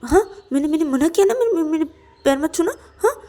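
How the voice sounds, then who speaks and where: A woman's voice: mid-range voice, steady tone, a little slow, warm tone, lightly acted. A woman voicing a stubborn, upset young woman who scolds and repeats her words. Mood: alarmed.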